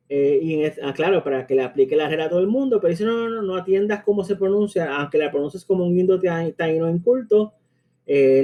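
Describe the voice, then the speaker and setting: A man with a Caribbean Spanish accent explains a language lesson in a conversational way, often checking in with tag questions and pausing to hesitate. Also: high-pitched, mellow. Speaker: language teacher.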